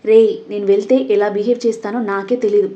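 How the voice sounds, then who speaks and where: A woman's voice: mid-range voice, flat delivery, fast, warm tone, close to an everyday voice. A woman reading as a blunt, brash young man. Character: brash young man, short-tempered coworker. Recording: dull lo-fi audio.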